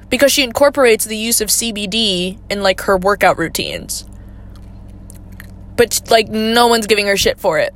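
A woman's voice: on the high side, a bit bright. A young woman hosting a casual solo podcast, rambling with lots of fillers and casual swearing, laid-back but getting indignant. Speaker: podcast host.

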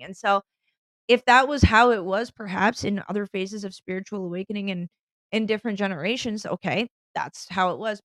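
A woman hosting a video podcast on spiritual growth, talking in a warm, smiling, earnest way. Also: mid-range voice, no room sound, studio quality. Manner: upbeat, earnest, smiling delivery. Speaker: podcast host and spiritual guide. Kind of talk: casual spiritual podcast talk.

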